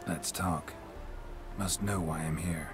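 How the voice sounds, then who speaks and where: An actor playing a grim, terse male monster hunter in a video game, speaking in short, gravelly lines. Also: extremely low pitch, steady tone, takes it slowly, slight background noise. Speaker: player character.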